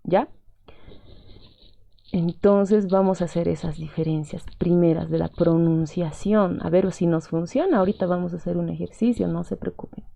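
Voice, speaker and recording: A woman's voice: lowish voice, steady tone, normal speed, creaky, dark tone, dry recording. A woman teaching a language class with a Peruvian Spanish accent. She explains patiently, repeats her points and keeps checking in with her students. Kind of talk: explaining a lesson step by step. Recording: dull lo-fi audio.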